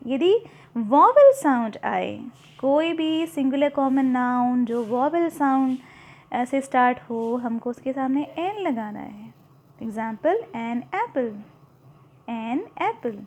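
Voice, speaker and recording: High-voiced woman teaching grammar. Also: darkish tone. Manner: repeats key points, asks and answers her own questions; reads English example sentences slowly and clearly. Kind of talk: grammar lesson for students.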